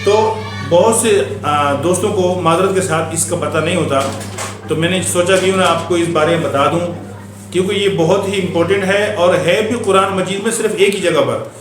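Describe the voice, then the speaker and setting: A man's voice: high-pitched, moderate pace. A man teaching Quran recitation in a patient manner, explaining the rules and drawling syllables in a chanting voice. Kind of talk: explaining tajweed with chanted spelling. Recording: echoey room with faint hum.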